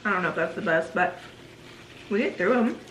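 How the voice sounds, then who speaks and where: A woman's voice: lowish voice, lively intonation, brisk, fairly bright tone. A young woman in her twenties hosting a casual Q&A chat while eating, talking chattily with lots of "like". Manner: chatty, says "like" a lot. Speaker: vlogger and host. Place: home room. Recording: echoey home room with noise.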